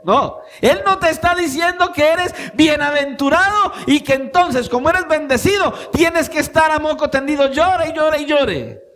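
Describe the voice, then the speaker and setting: High-voiced man preaching a sermon. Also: moderate pace, hardly any pauses. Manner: swings between raised emphatic preaching and quiet intimate asides; asks the congregation direct rhetorical questions. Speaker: pastor. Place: church.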